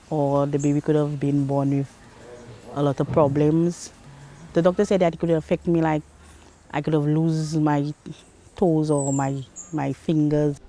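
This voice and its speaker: A woman's voice: low voice, little pitch movement, unhurried, mellow, slight background noise, rough recording. A woman with a Saint Lucian accent giving a plain-spoken, candid personal testimony. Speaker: interviewee, mother and patient. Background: music under the voice.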